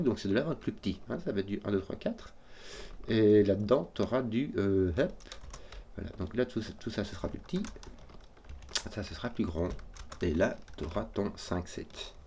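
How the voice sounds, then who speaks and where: A man solving a number puzzle out loud, hesitant and often correcting himself as he works through it. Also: medium pitch, expressive, slight background noise. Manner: hesitant, self-correcting, halting. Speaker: puzzle solver. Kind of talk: thinking aloud while solving a puzzle.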